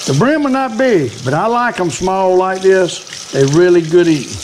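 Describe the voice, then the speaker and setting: An older man from behind a home camera talks in a folksy old fisherman way with a Southern US accent. His voice sits fairly high for a man. He explains things casually and repeats himself, with some background noise on the recording. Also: lively intonation, normal speed. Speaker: cooking and fishing video host. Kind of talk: casual how-to chat.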